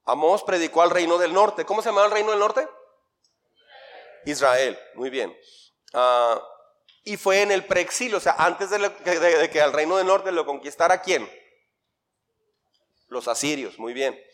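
A middle-aged Mexican pastor with a fairly high voice teaches scripture to his church in a conversational way. He tosses questions to the congregation and fills in the answers himself. His delivery swings between loud emphatic lines and soft asides. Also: expressive, a little slow, pauses often. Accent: Mexican Spanish. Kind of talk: interactive Bible teaching sermon.

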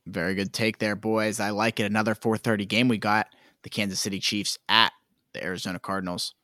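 A low-voiced man with a bright, forceful edge, reading betting lines briskly like an announcer. The sound is dry and close. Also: little pitch movement, no echo. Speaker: podcast host.

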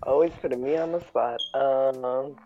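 A woman's voice: extremely low pitch, measured pace, warm tone. A woman with a sultry voice chatting casually as a podcast co-host. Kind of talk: casual panel chat. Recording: dull lo-fi sound, music underneath.

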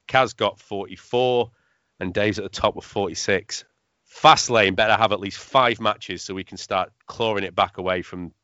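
A man co-hosting a podcast in casual chat, wry and animated as he tells stories. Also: lowish voice, smooth, no echo. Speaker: podcast co-host. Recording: dry, slightly muffled.

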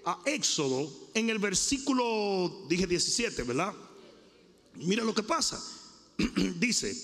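A male pastor giving an animated sermon to his congregation, with jokes and asides. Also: high-pitched. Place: church sanctuary. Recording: hall reverb, gravelly voice.

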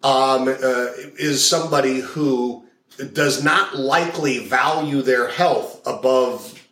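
A man's voice: medium pitch, takes it slowly, a bit bright, echoey room, low-quality recording. A man being interviewed as a values coach, explaining ideas through long stories and repeating key phrases. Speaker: guest, hypnotist and values coach. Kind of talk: casual interview talk with anecdotes.

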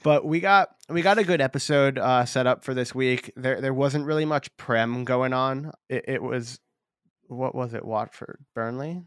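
A young man hosting a casual sports podcast, excitable, jumping high in pitch when he jokes. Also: moderate pace, clear, resonant tone, no room sound, studio quality. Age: young adult. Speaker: podcast host. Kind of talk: casual chat.

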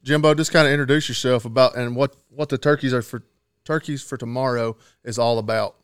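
A man's voice: medium pitch, steady tone, a little fast, smooth, dry recording, studio quality. A man, talking casually as a podcast co-host. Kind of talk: casual chat. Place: studio.

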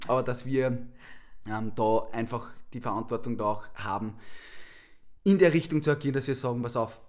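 A man's voice: medium pitch, fairly quick, a little mellow. Man, counselor co-host, reflective and explanatory, casual chat, loose with frequent restarts. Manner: thoughtful, explains at length with restarts. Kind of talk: casual conversational podcast.

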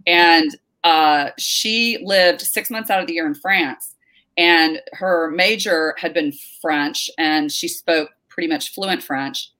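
A woman's voice: deep voice, slow. A middle-aged woman from North Carolina, a guest telling stories in a casual interview with many fillers. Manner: lively storyteller, many fillers and restarts.

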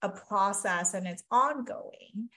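Speaking slowly in a mid-range voice with a sharp tone, a physician and life coach from Taiwan reflects on things as a podcast guest. She comes across as earnest and thoughtful, frequently using "you know" and "really," and the audio is reverberant.

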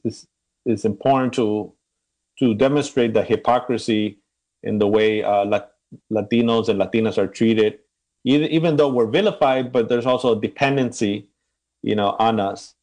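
A man's voice: on the low side, normal speed, a little mellow. A man being interviewed, talking thoughtfully with many restarts and repeated words. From Mexican American. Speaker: interview guest, academic. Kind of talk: conversational interview.

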